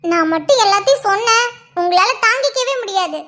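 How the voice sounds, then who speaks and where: A woman's voice: very high voice, lively intonation, a little fast, bright, forceful tone, full character voice. A woman voicing a furious young wife in a cartoon drama, accusing and scornful. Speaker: cartoon character voice.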